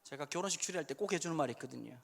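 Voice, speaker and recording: Animated high-voiced preacher in a hall. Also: male voice, rapid-fire, gravelly, a little hiss or hum. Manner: animated, jokey preaching with sudden shouted acted quotes. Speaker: pastor. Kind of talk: sermon. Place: large church hall. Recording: echoey hall sound.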